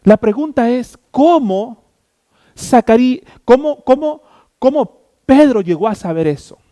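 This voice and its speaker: Middle-aged Ecuadorian pastor preaching, high voice with big swings, mellow tone. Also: male voice, unhurried, no echo. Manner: animated storytelling, acting out scenes. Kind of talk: sermon.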